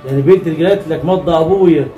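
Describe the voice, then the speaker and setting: A man's voice: a little high, racing, warm tone, muffled recording, soft background music, natural voice. A man with an Egyptian Arabic accent playing a pious blind old father who is betrayed, pleading and praying in an amateur drama skit. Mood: confronted. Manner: pleading, prayerful, lamenting.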